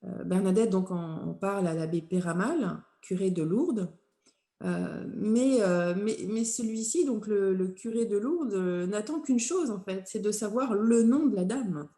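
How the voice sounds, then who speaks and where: A woman's voice: mid-range voice, unhurried, warm tone. A woman hosting a podcast, asking questions, recapping and commenting in a conversational way. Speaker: podcast host. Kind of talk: conversational interview. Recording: echoey room.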